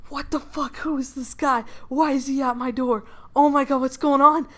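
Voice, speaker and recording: A woman's voice: high voice, steady tone, measured pace, pitched above the performer's own voice. A woman voicing a panicked young man with a tail, frantic, swearing and pleading.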